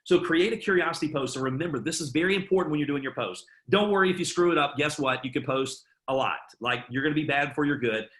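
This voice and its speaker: A man's voice: fairly high pitch, quick pace, few pauses, fairly bright tone, echoey room. A man leading a sales training session, enthusiastic and punchy, with playful jokes. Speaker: network marketing trainer. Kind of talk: energetic training talk.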